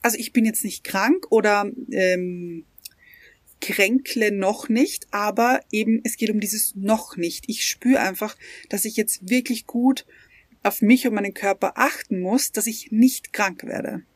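A woman's voice: medium pitch, a little slow, slightly rough, no room sound. A woman co-hosting a podcast, speaking reflectively and earnestly in casual chat, often repeating words for emphasis. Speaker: podcast co-host.

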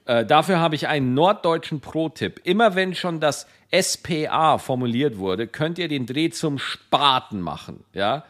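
Lively, swearing man co-hosting a podcast. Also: a little high, a little slow, hardly any pauses. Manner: animated, swears freely, hams up bits. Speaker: podcast co-host. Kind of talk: casual podcast chat. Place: at home. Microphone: podcast microphone.

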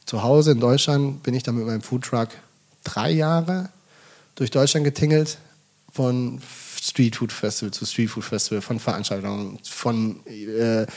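A husky-voiced man from Swabia chats as a podcast guest, telling stories with lively enthusiasm. He swears casually and tosses in English phrases. His delivery is relaxed and conversational. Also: mid-range voice. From Swabia, Germany. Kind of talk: casual chat.

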